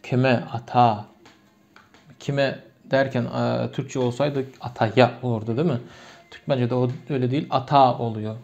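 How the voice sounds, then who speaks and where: Turkmen-accented man teaching, mellow dull sound. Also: medium pitch, fairly even intonation, normal speed, vocal fry, faint music behind. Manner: explains patiently with many examples and repetitions. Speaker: language teacher. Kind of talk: lesson. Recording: muffled lo-fi recording.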